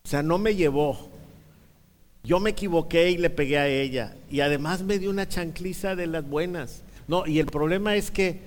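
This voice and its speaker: A male preacher tells a funny childhood story to his congregation. His voice sits a little high for a man. It carries a long echo through the church hall. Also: normal speed. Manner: animated, humorous storytelling with rhetorical questions. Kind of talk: sermon storytelling. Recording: reverberant hall.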